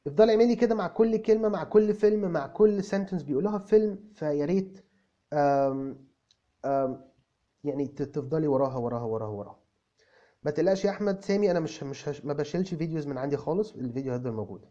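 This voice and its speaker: This comic video lesson features a man with an Egyptian Arabic accent as a self-assured young English tutor responding to viewer comments. His fairly high, warm, natural voice comes rapid-fire as he breezily explains, restarting with stammers and giving repeated examples. The audio is dull lo-fi.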